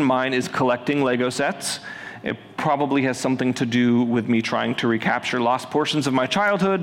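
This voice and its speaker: A man's voice: medium pitch, fairly bright tone. A man in his thirties preaching a sermon in a large church, chatty and self-deprecating, with humorous asides to the congregation. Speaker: pastor. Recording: long reverb of a large hall.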